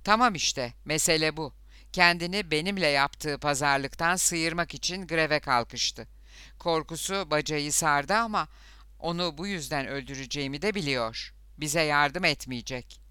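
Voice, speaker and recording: A man's voice: on the high side, unhurried, pushed and bright, clean tone, no echo, clean studio sound. A man voicing a fierce, scheming outlaw leader in an audiobook, with bitter, hot-tempered speech. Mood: furious. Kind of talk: audiobook character voice.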